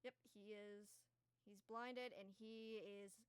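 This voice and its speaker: A woman's voice: mid-range voice, fairly even intonation, slow pace, clear, resonant tone, no echo. A woman running a tabletop game as game master, narrating in a chatty, casual way. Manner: chatty, laughing easily.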